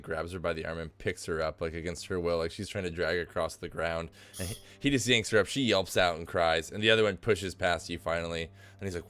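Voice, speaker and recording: A man's voice: low voice, a bit bright. A man running a tabletop game as game master, narrating scenes in a loose, chatty way full of "like". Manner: loose and chatty, heavy use of "like".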